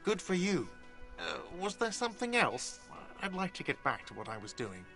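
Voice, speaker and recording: An actor playing an irritable, whiny café manager in a video game, impatient and dismissive. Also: male voice, high voice, big pitch swings, normal speed, creaky, a bit bright, faint music behind, full character voice.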